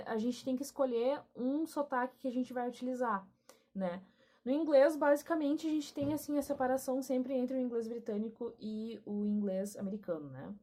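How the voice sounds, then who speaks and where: With a Gaúcho accent from Rio Grande do Sul, this woman language teacher leads a relaxed lesson, frequently tagging her sentences with a questioning aside. She has a slightly high, warm voice.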